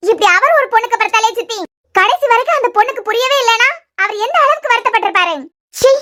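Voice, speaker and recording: Cartoon friend: woman doing a blunt, protective young woman, Kanyakumari Tamil accent, scolding, very high voice. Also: pushed and bright, heavily acted. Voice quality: very high-pitched. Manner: scolding, incredulous. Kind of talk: cartoon serial voice acting.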